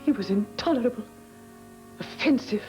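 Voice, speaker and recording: An actress playing a tired older couture house owner, speaking with weary, wistful regal dignity in a 1950s film. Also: female voice, on the high side, expressive, normal speed, muffled recording, lightly acted. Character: tired aging couturière, proud and lonely. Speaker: aging fashion house owner. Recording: old film soundtrack with music.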